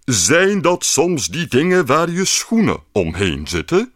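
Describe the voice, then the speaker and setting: A man's voice: on the high side, wildly swooping pitch, slow pace, fairly bright tone, no echo, studio quality, voice pushed up, full character voice. A man voicing a naive, puzzled king in a children's story. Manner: puzzled and impatient.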